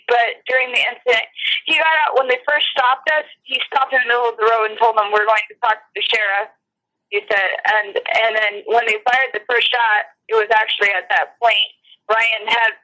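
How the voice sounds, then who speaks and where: A woman's voice: on the high side, bright, forceful tone. A shaken woman giving an eyewitness account over the phone, rambling with many restarts. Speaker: eyewitness interviewee. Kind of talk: phone interview testimony. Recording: tinny phone line.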